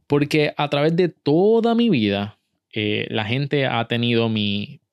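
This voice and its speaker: A man hosting a solo podcast, upbeat and energetic as he talks straight to his listeners. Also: medium pitch, takes it slowly, clear, resonant tone, no echo. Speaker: podcast host.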